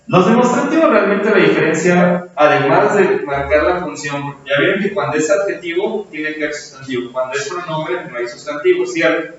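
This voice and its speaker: A man's voice: on the high side, expressive, normal speed, fairly bright tone. Mexican male teacher in an echoey room. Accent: Mexican Spanish. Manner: keeps checking understanding with tag questions. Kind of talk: classroom lecture, also filmed for viewers at home. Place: classroom. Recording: very echoey room, far from the mic, dull sound.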